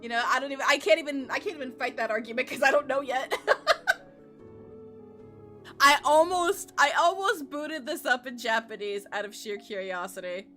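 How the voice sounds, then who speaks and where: Woman game streamer, high bright voice, excitable, stammers and swears, soft game music behind. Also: a little fast, hardly any pauses. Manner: excitable, swears and laughs a lot; stammers and repeats words. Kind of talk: casual live-stream chat. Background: faint game music.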